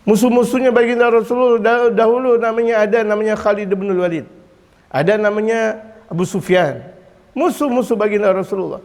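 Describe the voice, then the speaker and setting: Lively high-voiced male preacher, echoing hall. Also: a little fast. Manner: lively, swings from quiet to loud, chuckles often. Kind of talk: Islamic sermon in Indonesian. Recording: long hall reverb.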